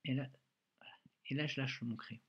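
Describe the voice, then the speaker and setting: A man's voice: medium pitch, steady tone, normal speed, highs cut off, a little hiss or hum. A male schoolteacher recording a handwriting lesson for a child, patiently talking through each pen stroke aloud with an encouraging manner. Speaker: primary school teacher.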